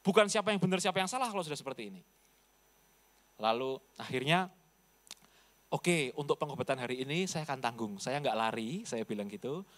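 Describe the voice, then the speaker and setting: A male pastor preaching a sermon, telling a personal story with animated delivery, acting out the voices of others and often addressing the congregation. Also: medium pitch, fairly quick, long pauses.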